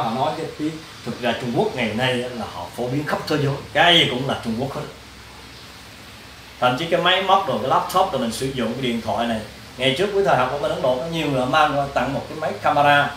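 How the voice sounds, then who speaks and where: Rambling monk lecturing in an echoey room. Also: male voice, medium pitch, a bit bright. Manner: rambling, repetitive, addresses listeners directly with questions. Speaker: Buddhist monk teaching monastic students. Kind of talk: casual dharma lecture. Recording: roomy, distant mic, faint background hiss.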